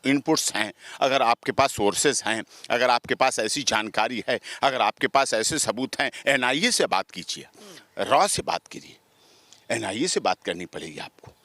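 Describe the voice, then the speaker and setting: A man's voice: medium pitch, animated, normal speed, bright, forceful tone, no room sound. A man, a lawyer, giving emphatic comments in an interview and stacking up his points in long repeated lists. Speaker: lawyer guest.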